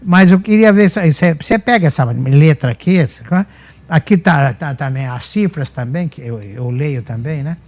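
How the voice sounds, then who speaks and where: Older man, caipira São Paulo accent, lively anecdotal storytelling, slightly high voice. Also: moderate pace. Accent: São Paulo countryside (caipira). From Brazil. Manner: lively storyteller acting out dialogue. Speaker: guest humorist.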